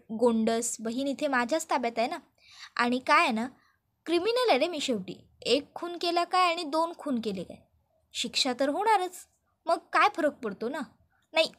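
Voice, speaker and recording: A woman's voice: high voice, a bit bright. A woman voicing a gloating male villain who mocks and threatens in a sing-song, sarcastic way.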